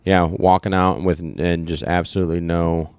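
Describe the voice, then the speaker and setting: Co-host, Midwestern man, very low voice, dry close sound, rambling delivery. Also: level tone, moderate pace, clear, resonant tone, no room sound. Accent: American Midwest. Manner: rambling, reads news aloud with many fillers. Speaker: podcast co-host. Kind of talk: casual political chat.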